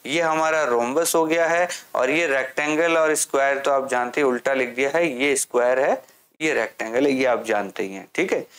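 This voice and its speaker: A man's voice: mid-range voice, fairly bright tone. Man teaching maths, asking and answering. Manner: asks questions and answers them himself, slow English read-outs. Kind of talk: classroom lesson explanation.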